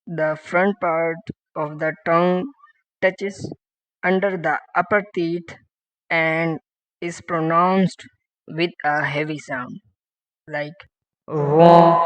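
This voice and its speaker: Slow, flat-voiced male Quran teacher. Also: fairly high pitch, no room sound. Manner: repeats each letter sound several times, louder than his explanations; plain, simple explanations in short phrases. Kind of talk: pronunciation lesson for beginners. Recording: dull lo-fi recording with faint background music.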